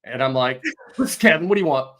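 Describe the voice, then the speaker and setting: A man hosting a casual livestream Q&A as a real estate agent, telling animated stories and swearing mildly. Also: mid-range voice, fast. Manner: chatty, animated storytelling with mild swearing.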